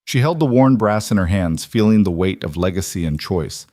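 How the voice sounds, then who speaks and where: A man narrating a scripted story in a measured, terse, deadpan manner. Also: low-pitched, dry recording, clean studio sound.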